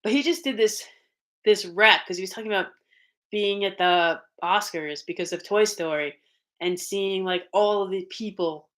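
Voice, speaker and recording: A woman's voice: mid-range voice, normal speed, fairly bright tone. A young woman co-hosting a casual live stream, talking in a rambling way with many restarts and a lot of feeling. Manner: rambling, restarts often, emotional. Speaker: co-host of a paranormal channel.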